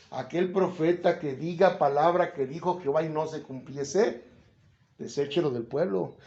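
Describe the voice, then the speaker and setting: A man with a Mexican accent preaches in a high voice, chatting and joking with his listeners. His voice bounces around an echoey room. The sound is a little dull. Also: dark tone. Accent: Mexican Spanish. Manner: chatty, jokes, asks the listeners questions. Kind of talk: informal Bible teaching to a congregation.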